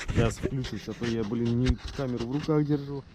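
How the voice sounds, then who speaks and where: A man's voice: medium pitch, steady tone, brisk. A man hosting an ice-fishing vlog, chatting casually in colloquial, grumbling speech with mild slang curses, with wind hitting the mic. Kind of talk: casual vlog chat to camera while fishing. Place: windy frozen outdoors, in and around a fishing tent. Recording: noisy outdoor recording, wind on mic. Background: wind and outdoor noise.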